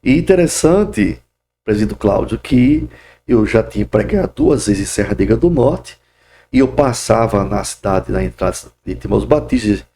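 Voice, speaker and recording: A man's voice: lowish voice, animated, moderate pace, dark tone, slight background noise. A middle-aged man, a pastor telling his testimony in a podcast interview, fervent and full of exclamations of praise. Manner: fervent, bursts of "glória" and "aleluia".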